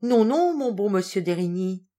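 A woman doing a merry young girl who chatters on in a bright, high voice. Her pitch leaps around as she tells her story. This is a storybook audiobook reading. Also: sing-song, unhurried. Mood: lively. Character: cheerful talkative young girl.

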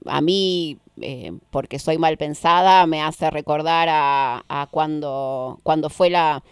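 An Argentine woman hosting a radio interview, speaking in a thoughtful, wry, measured way. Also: low voice, clean tone, no room sound, clean studio sound. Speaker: radio host.

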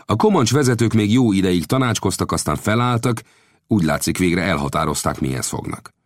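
A deep-voiced man reads an adventure novel aloud, his pitch swinging widely as the story builds. He tells it in lively storytelling fashion, in a close, dry recording. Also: no room sound. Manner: lively storytelling, rising with the action. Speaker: audiobook narrator. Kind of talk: scripted narration of an adventure novel.

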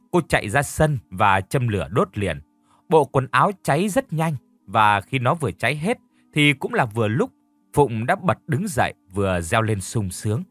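A man narrating a dramatic story in an expressive reading voice. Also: mid-range voice, no room sound. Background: faint music.

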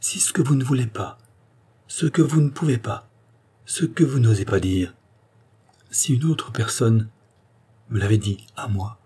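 A man's voice: medium pitch, unhurried, pauses often, warm tone, breathy edge. A man voicing an ardent young nobleman declaring his love in an audiobook, tender and insistent. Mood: pleading. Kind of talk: audiobook reading of a novel.

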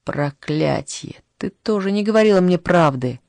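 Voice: medium pitch, animated, moderate pace, a little mellow, dry recording, lightly acted. A reader giving voice to a flustered young man from an audiobook, sheepish and playful. His mid-range voice sits dry and close, with no room around it. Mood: angry. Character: flustered, evasive young man, devil's envoy.

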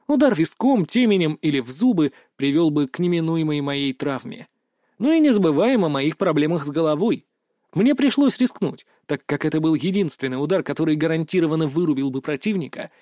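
A man reading first-person audiobook narration in a tense, brisk way. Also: a little high, expressive, darkish tone, no echo, studio quality.

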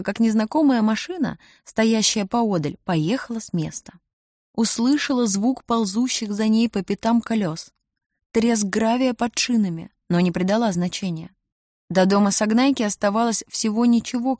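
A woman narrating an audiobook in a measured, even reading voice. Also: medium pitch, dry recording, clean studio sound.

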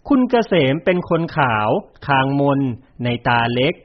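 Man reading a memoir, lively tone. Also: mid-range voice. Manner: measured, storytelling. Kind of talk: audiobook narration of a memoir. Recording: dull lo-fi recording.

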